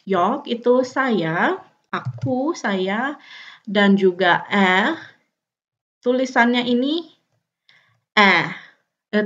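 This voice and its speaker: Casual tutor, young Indonesian woman, slow and hesitant delivery, muffled audio. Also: mid-range voice. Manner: thinks aloud, many fillers. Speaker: language teacher. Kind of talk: casual language lesson. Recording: dull, muffled sound.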